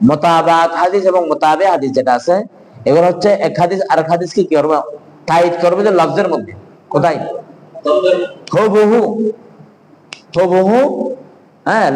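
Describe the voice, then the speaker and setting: A man's voice: high voice, darkish tone, rough recording. A man teaching a hadith class online, asking his students questions and answering them himself, with Arabic recitation in between. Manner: mixes in Arabic recitation and Hindi-Urdu phrases.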